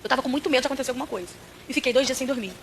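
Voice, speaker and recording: A woman's voice: high-pitched, racing, creaky, slight background noise. A woman with a Brazilian accent giving a church testimony as a preacher, telling her story dramatically and speaking straight to the congregation.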